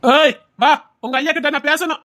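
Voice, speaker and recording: A woman's voice: high voice, steady tone, normal speed, fairly bright tone. A woman voicing a hot-tempered young village man, scolding and bossy.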